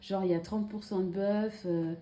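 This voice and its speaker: A woman's voice: medium pitch, fairly even intonation, normal speed, warm tone, a little hiss or hum. A woman in her thirties chatting casually at home as a family vlogger, unpacking a grocery haul with many fillers and restarts. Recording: echoey room with faint ambience.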